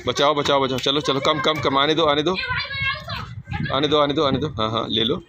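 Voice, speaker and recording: A teacher with a fairly high, evenly pitched voice coaches children through a game at a normal pace, calling out instructions and praise. The outdoor recording is clearly noisy.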